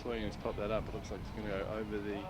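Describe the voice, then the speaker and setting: A man's voice: on the low side, level tone, racing. A man calling live baseball play by play as a broadcast commentator. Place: outdoor baseball stadium broadcast. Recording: background ambient noise at ballpark.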